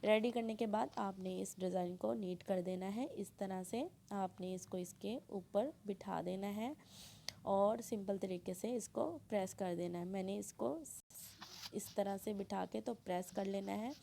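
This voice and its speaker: Woman with a sore, gravelly throat. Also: mid-range voice, steady tone, unhurried, warm tone, slight background noise. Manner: plain instructional, frequent throat clearing. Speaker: sewing instructor. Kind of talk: step-by-step tutorial voice-over.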